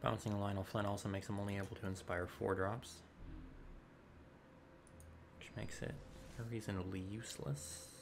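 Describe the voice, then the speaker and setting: A man's voice: on the low side, flat delivery, normal speed, gravelly, pauses often, noisy background. A man giving dry, sarcastic, rambling commentary over his gameplay at home into a desk mic. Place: home room.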